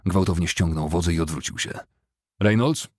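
A man narrating a novel as an audiobook, in a steady, measured storytelling manner. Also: sits low, gravelly, husky, no echo, clean studio sound.

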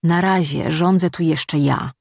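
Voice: medium pitch, a little slow, vocal fry, no room sound, studio quality. The narrator voicing a thin young male doctor who speaks in a curt, steely way. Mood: firm.

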